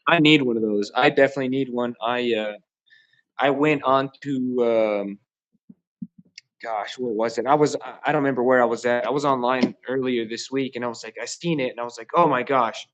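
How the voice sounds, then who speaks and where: A man's voice: medium pitch, fairly even intonation, a little fast, muffled recording. A man chatting as a guest on a live show, eager and folksy, with lots of fillers. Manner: enthusiastic, folksy, many fillers. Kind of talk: casual live show chat.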